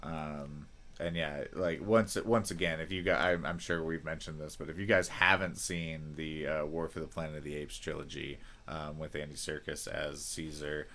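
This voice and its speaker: A man's voice: a bass voice, steady tone, moderate pace, sharp tone, a little hiss or hum. A man co-hosting a casual movie review, laid-back, swearing casually and restarting his sentences. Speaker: co-host of a movie review show. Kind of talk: casual conversational film review.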